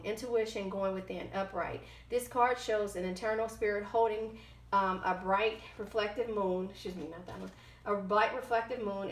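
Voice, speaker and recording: A tarot card reader hosts an informal oracle card reading in a roomy, echoing space, speaking in a medium-pitched voice. She shifts between reading aloud and ad-libbing, haltingly, frequently stumbling over a word and then correcting herself.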